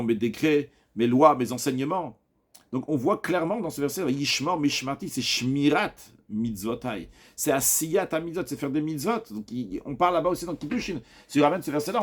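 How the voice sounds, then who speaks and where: Animated male Talmud teacher explaining. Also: mid-range voice. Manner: explanatory, lively rising questions, frequent restarts. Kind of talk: Talmud lesson.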